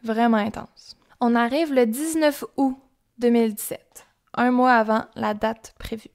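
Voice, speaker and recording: A woman's voice: on the high side, steady tone, a little slow, a little mellow. A young woman with a Québécois accent casually telling a true-crime story on a podcast, chatty and informal with asides. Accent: Québécois French.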